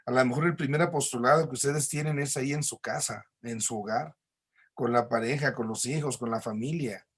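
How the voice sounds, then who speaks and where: A man with a Mexican accent teaches a recorded church class, his medium-pitched voice a little fast with a breathy edge. He explains things patiently, using homely examples and frequent tag questions.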